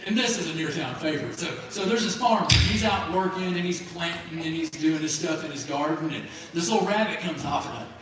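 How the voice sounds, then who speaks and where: A higher-voiced man hosts a live show, telling folksy jokes with a lot of repeating. He is heard from far off across a large room, with heavy echo and steady background noise. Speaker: event host telling jokes. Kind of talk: live stand-up joke telling.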